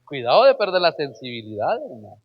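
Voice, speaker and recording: A man's voice: a little high, huge pitch swings, fairly quick, breathy edge, highs cut off. A man preaching a sermon emphatically. He keeps addressing his listeners as brother and asks them rhetorical questions.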